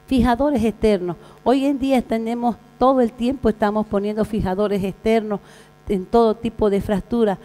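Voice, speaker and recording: A Bolivian woman lecturing at a conference, her voice fairly high yet mellow and soft-edged. She speaks haltingly, stopping to restart phrases and filling gaps with small hesitations. The sound carries a long hall reverb with a low mains hum underneath. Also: steady tone. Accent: Bolivian Spanish. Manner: halting, frequent fillers and restarts. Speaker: veterinary surgeon lecturer.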